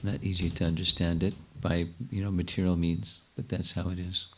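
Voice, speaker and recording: An older man with a low voice answers questions from his audience in a lecture. He speaks haltingly, stops often and restarts his sentences while he thinks aloud. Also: flat delivery, a bit bright. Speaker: spiritual teacher answering questions.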